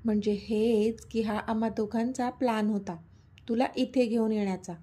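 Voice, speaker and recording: A woman's voice: a little high, steady tone, moderate pace, warm tone, slightly rough. A woman voicing a playful, teasing young man, the romantic lead of a spoken story.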